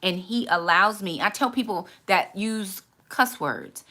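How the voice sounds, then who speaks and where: A woman's voice: medium pitch, measured pace, pushed and bright. A woman in her forties hosting a candid, reflective faith talk, earnest and often repeating words as she gathers her thoughts. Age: 40s.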